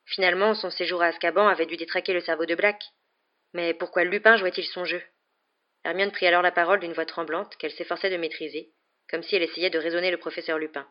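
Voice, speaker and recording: A woman reading a chapter aloud as a bedtime story for a web radio show, in a chatty, steady way. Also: on the low side, fast talker, muffled recording. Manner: chatty recap, then steady narration. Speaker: radio reader.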